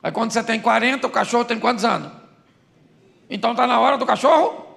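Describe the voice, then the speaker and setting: A man's voice: very high-pitched, quick pace, creaky, fairly bright tone. A man preaching a humorous sermon as a pastor, in Brazilian Portuguese, joking and asking the crowd questions.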